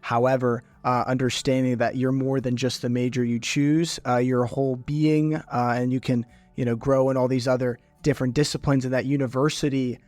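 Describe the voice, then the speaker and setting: Flat-toned man giving hesitant advice. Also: medium pitch, no echo, soft background music. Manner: halting, many fillers and restarts. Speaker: college admissions counselor. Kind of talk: casual panel advice.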